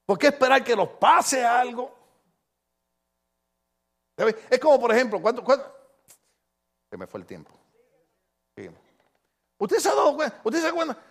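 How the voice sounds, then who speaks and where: A middle-aged Puerto Rican-accented preacher with a notably high voice delivers a sermon. He tells stories animatedly and keeps throwing rhetorical questions at his listeners. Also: very animated, measured pace, pauses often, fairly bright tone. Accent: Puerto Rican Spanish. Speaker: pastor.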